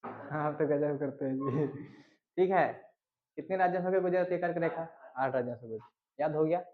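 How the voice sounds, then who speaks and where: Male teacher on a lesson video: slightly high voice, quizzes and repeats answers. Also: brisk. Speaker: general knowledge teacher. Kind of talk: classroom lesson with memory tricks. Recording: dull lo-fi recording.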